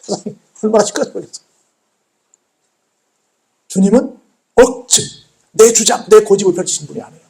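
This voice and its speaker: Pastor, male, gravelly and somewhat high, sermon delivery, answers his own rhetorical questions. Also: normal speed, long pauses, a little mellow. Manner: asks rhetorical questions and answers them himself; repeats phrases for emphasis. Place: church sanctuary.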